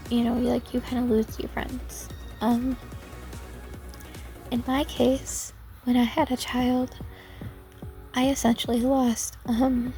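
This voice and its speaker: A woman hosting her own podcast, talking hesitantly and softly about her personal life, with many pauses and restarts. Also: fairly high pitch. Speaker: podcast host. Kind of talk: personal reflective podcast talk.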